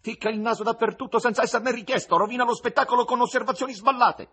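A man voicing a mocking male magician's assistant with a high, goat-like tenor, in a storybook reading. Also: steady tone, fast talker, sharp tone, slightly rough, heavily acted. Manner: mocking, bullying.

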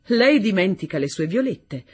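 A woman voicing a gallant male singing teacher who coaxes his pupils with fervour, her voice breathy. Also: medium pitch, big pitch swings, normal speed, a little mellow. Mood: coaxing. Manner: fervent, coaxing.

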